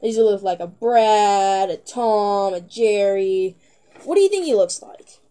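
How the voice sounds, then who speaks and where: Here a young teenage girl talks casually to her camera, her mid-range voice warm, clear, and resonant. She sounds animated yet unhurried, giggling as she rambles and leaning on frequent "um"s.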